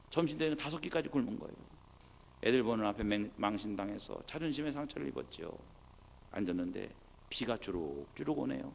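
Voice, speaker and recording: A middle-aged man, a pastor, preaching a sermon and telling a childhood story in an animated way, sometimes acting out his mother's prayers. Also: on the low side, vocal fry, slight background noise.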